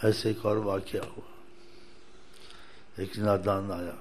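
A man's voice: fairly low pitch, little pitch movement, slight background noise. A man preaching a storytelling sermon in a folksy way, chuckling at times and rising to emphatic exhortation.

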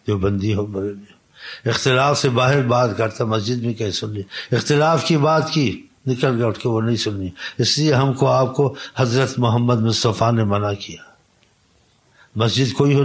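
A man delivering a sermon in an exhorting, insistent way. His voice sits at an ordinary middle pitch. He circles back to the same points again and again and weaves recited Arabic quotations into his preaching. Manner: exhorting, repetitive, quotes Arabic hadith. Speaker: Islamic preacher.

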